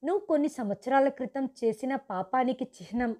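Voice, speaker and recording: A woman's voice: sits high, brisk, mellow, close to an everyday voice. A woman voicing a tearful, grave old mother. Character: grieving older mother revealing a secret.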